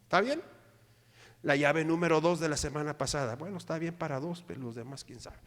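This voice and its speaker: A middle-aged man, preaching a sermon with animated delivery and often asking the congregation for agreement. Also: on the high side, quick pace. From Mexico. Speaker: pastor. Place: church hall. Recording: long hall reverb.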